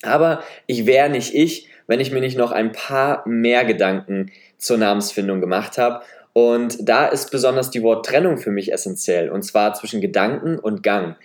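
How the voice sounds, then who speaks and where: A young man in his twenties, a podcast host from Leipzig in eastern Germany, speaks at normal speed with hardly any pauses in a nasal, mid-range voice. A slight Saxon accent colors his chatty, self-deprecating, semi-scripted solo monologue, picked up by a podcast mic.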